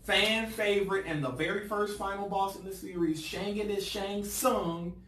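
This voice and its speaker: Excitable fast-talking man, roomy distant sound. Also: high-pitched. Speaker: podcast co-host. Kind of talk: casual podcast chat. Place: room, livestreamed podcast. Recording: echoey room, far from mic, faint noise.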